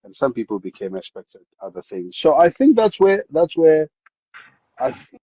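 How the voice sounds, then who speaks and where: Here a podcast guest from South Africa, speaking with that accent, talks informally about growing up, his voice a little high and breathy at a moderate pace. He's a lively storyteller who keeps repeating words and starting over. No room sound is audible, and the recording sounds dull.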